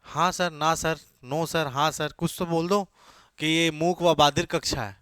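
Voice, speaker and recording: A teacher with a slightly high, smooth voice, a bit bright and fairly even in intonation, leads a lecture full of rapid questions. He repeats the answers for students to jot down and keeps telling them to respond quickly. The recording is dry and close without any room echo.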